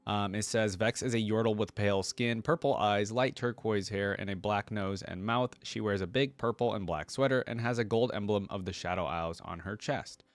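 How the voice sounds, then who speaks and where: Chatty and casual, a man with a fairly low voice hosts a reaction video, reading text aloud and pausing often for asides. There's no echo on the recording.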